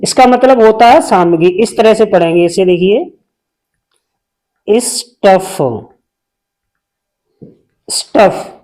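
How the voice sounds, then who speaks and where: A man gives an English reading lesson at a normal pace, his high-pitched voice a little mellow. He goes word by word, stopping to ask the learner how each one is said.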